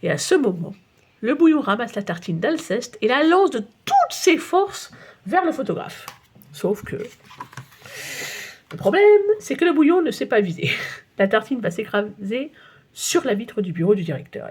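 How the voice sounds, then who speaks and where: A woman narrating a children's storybook with playful expression. Her voice is fairly high and very animated. It carries a slightly husky breathiness. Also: unhurried. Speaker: audiobook narrator.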